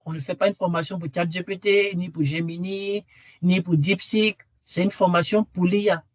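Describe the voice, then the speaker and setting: In a webinar sales pitch, a man earnestly urges listeners to sign up for his training course, repeating key phrases for emphasis. His voice is high, with fairly even intonation and a moderate pace. There's no room sound.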